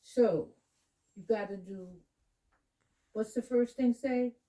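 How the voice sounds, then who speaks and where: Woman, patient coaching tone, mellow voice, heard from across the room, home lesson. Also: a little high, distant mic, rough recording. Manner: patient, coaching, drawn-out explanations. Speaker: adult leading children in a candle lighting. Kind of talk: home teaching talk. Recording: voice from away from the mic.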